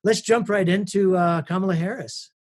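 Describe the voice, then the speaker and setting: Upbeat higher-voiced man hosting a podcast. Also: fairly even intonation, darkish tone. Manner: upbeat, talks in quick bursts with frequent "uh" and stumbles. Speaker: podcast host. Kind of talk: casual podcast chat.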